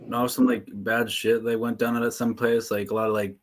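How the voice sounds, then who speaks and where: A man with a middle-pitched voice rambles through a casual reaction-stream chat. He piles up fillers and circles back on his points. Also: level tone, moderate pace. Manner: rambling, filler-heavy, loose. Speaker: stream co-host reacting to videos.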